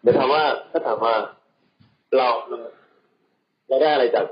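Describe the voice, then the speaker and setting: A man's voice: mid-range voice, normal speed. A man co-hosting a podcast, talking casually in a rambling, slangy way that repeats itself. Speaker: podcast co-host. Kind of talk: casual chat. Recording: dull lo-fi sound.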